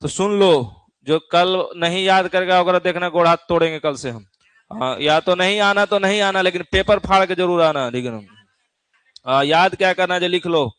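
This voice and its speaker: A man's voice: high-pitched, moderate pace, a bit bright, clean tone, no echo. A middle-aged man with a Bihari accent teaching an exam-prep physics class in a folksy way, often checking in with his students. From Bihar, India.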